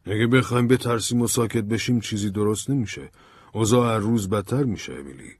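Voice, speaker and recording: Man reading a persistent investigator, insistent, low husky voice. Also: dry recording. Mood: urgent. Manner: insistent, persuasive. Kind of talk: audiobook drama reading.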